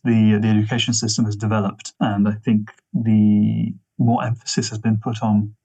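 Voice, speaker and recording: A man with a husky voice, talking casually as an interview guest in a discursive way, repeating himself for emphasis. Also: lowish voice, darkish tone, low-quality recording. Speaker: interview guest, theatre actor and director.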